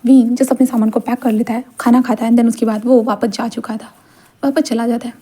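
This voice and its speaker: A woman's voice: a little high, fairly even intonation, fairly quick, dark tone, breathy edge. A woman casually retelling a fan-fiction story and switching voices for each character.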